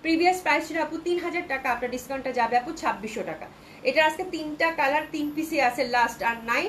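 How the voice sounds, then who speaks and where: A Bangladeshi woman hosts a live clothing sales stream, chatting fast in a fairly high, fairly bright voice while reading viewer comments aloud. Her throat is a bit sore from a cold, and the low-quality recording carries a faint background noise.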